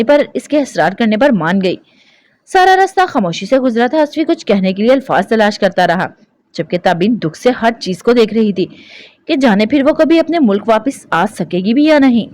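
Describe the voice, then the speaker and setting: A woman narrating a romance novel in an expressive, emotive reading style. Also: a little high, normal speed.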